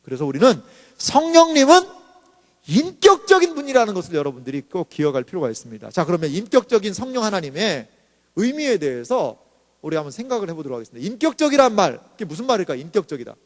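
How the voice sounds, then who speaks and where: A man's voice: sits high, big pitch swings, quick pace, big-room sound. A male pastor preaching a sermon in a chatty way, often asking the congregation questions.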